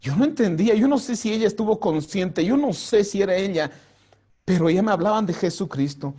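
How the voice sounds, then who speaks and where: Male pastor, personal testimony, high and earnest, raises his voice when he acts out quotes. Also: animated. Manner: drops soft and slow for prayers. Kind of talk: personal testimony to a youth group. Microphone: home mic for an online vigil.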